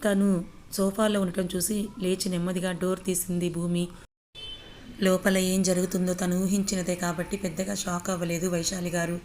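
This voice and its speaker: Woman storyteller, low and level delivery, steady audiobook narration. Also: moderate pace, a little hiss or hum.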